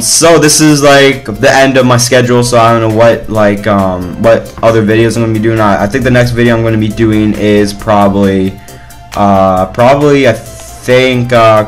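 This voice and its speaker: A young man talks over his gameplay on a headset microphone, swearing freely and getting loud when the game frustrates him. Faint game music sits behind his voice. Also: mid-range voice, poor audio. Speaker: gaming YouTuber. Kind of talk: casual gameplay commentary.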